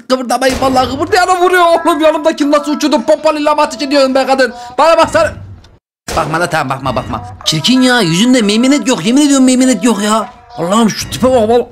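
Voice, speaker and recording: A man hosting a gaming channel, giving excited, joking gameplay commentary straight to his viewers. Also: extremely high pitch.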